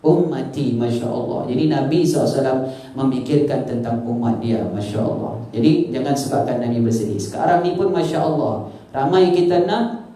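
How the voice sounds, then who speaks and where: A man with a Malaysian Malay accent giving an evening mosque lecture, telling a story and acting out its dialogue with pitch that rises and falls. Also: fairly quick, mellow. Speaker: preacher. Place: mosque hall. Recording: very echoey hall.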